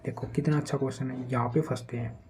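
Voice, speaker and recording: A man teaching an exam-prep grammar lesson in a conversational way. He reads the test sentences slowly and speeds up when he warns about common traps. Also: medium pitch, fairly even intonation, a little mellow, slight background noise, poor audio.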